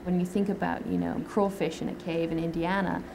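Lower-voiced woman explaining science on camera. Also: little pitch movement, fairly quick, vocal fry, a little mellow, slight background noise. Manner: explanatory, gestures while talking. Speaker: microbiologist. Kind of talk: documentary interview. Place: indoor lab.

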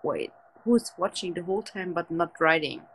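A young woman from Germany with a German accent hosts a late-night livestream from her bed, lying down and chatting casually and relaxedly with viewers into a phone held close. Her voice is fairly low and husky at a moderate pace, and the recording is low quality.

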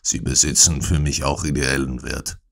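A man reads out a hard-hearted old moneylender for a storybook, his voice sitting extremely low. The lender growls his words gruffly, irritated and cold, as if every question wastes his time. It is recorded close on a studio microphone. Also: flat delivery, normal speed. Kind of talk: audiobook character voice.

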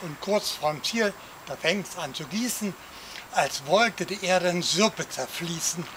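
A man reciting a rhyming comic poem for an audience, lively, jumping up in pitch for shouted cries. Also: slow, noisy background. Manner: lively storytelling, swings voice up for quoted cries. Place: outdoor garden theatre.

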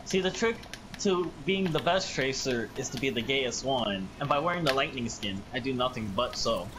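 A man's voice: medium pitch, animated, normal speed, noisy background. A man joking playfully with friends while playing a game, talking through a headset mic. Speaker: gamer. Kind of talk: casual gaming chat.

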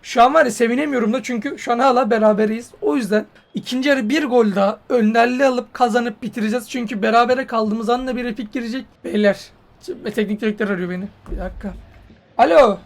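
High, gravelly, hot-tempered gaming man. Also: fast. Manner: hot-tempered, swears and yells at the game. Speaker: gaming YouTuber. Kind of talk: excited live commentary on his own football match.

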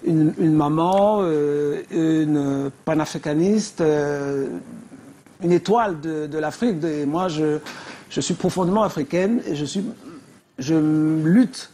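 A middle-aged woman from Cameroon with a Cameroonian accent and a deep, low voice, a singer telling lively stories as a guest on a TV talk show. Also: takes it slowly, a little hiss or hum. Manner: lively anecdotal storytelling.

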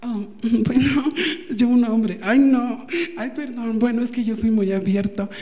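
A Mexican man in his twenties, from Mexico City, giving a comic audition, soft and giggly, holding a handheld mic in an indoor casting room. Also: very high voice, steady tone, a little slow. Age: 20s. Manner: soft, sweet and giggly, gushing about tenderness. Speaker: audition candidate.

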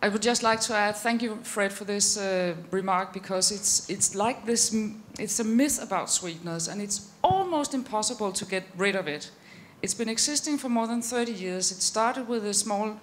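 A woman's voice: medium pitch, a little hiss or hum. Frank woman panelist. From Denmark. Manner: frank, exasperated. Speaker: panelist researcher. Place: conference stage. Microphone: handheld mic.

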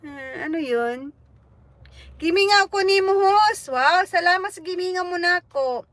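A woman hosts a casual livestream, teasing her viewers and giggling as she reads out their comments. Her voice sits very high and bright, and she speaks slowly. The sound is dry and close. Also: expressive, dry recording. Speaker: livestream host.

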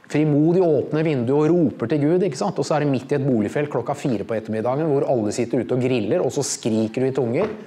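A man's voice: on the high side, mellow. A man giving informal Bible teaching, telling anecdotes in a rambling way with many fillers and tag questions.

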